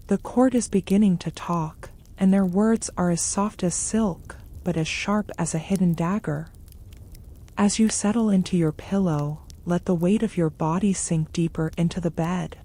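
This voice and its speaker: A woman narrates a gentle story meant for sleep. Her voice is dark, relaxed and a little low, with a hushed softness. She moves very slowly through each measured phrase, keeping the delivery soothing.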